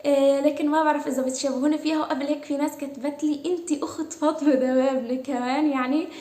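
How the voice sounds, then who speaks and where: A woman's voice: high voice, steady tone, fast talker, warm tone, reverberant. A young woman from Gaza with a Palestinian accent, chatting casually as she answers her followers' questions, with many hesitant fillers. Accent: Palestinian Arabic. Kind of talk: casual Q&A vlog.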